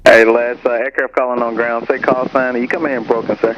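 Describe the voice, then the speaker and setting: A man's voice: mid-range voice, level tone, brisk. A man working as an air traffic controller, heard over an aircraft radio, giving clipped, formulaic traffic calls. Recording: dull radio audio under loud engine and wind noise.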